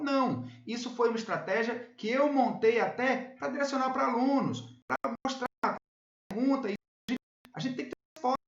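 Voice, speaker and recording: A Brazilian man with a fairly high, very animated voice, teaching English to his viewers. He repeats points and keeps checking that they follow. The sound is a little dull and the room echoes. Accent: Brazilian Portuguese. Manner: repeats himself, tags phrases with "tá bom?". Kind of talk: video lesson, casual explaining.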